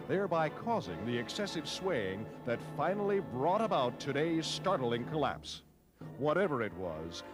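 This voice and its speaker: A man's voice from an old newsreel soundtrack, narrating in a dramatic, declamatory 1940s manner. His pitch sits fairly high and swings widely. Loud music plays behind him.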